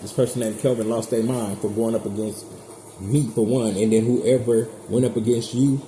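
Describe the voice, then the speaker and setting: A man's voice: mid-range voice, steady tone, moderate pace, mellow. A man giving a casual tarot reading straight to his viewers, chatty, blunt and profane. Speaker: tarot reader. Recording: echoey room with background noise.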